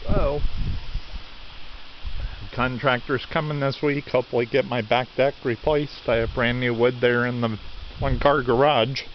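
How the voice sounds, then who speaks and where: A man's voice: medium pitch, steady tone, measured pace, pauses often. A man giving a casual, rambling weather update as an outdoor vlogger, with wind hitting the mic. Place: outdoors at a farm in stormy wind and rain. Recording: dull audio, loud wind buffeting the mic.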